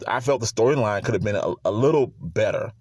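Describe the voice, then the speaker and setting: A man's voice: fairly low pitch, fast talker, darkish tone, slightly rough, no echo, studio quality. A man hosting his own sports podcast in a casual solo chat, easygoing and prone to chuckles and repeated words.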